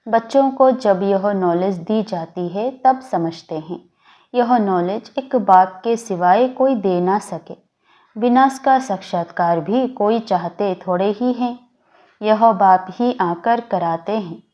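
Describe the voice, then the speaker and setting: A woman reading a spiritual discourse aloud in a slow, measured recitation, on a dull, lo-fi recording. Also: mid-range voice, dark tone. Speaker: reader of a daily spiritual discourse.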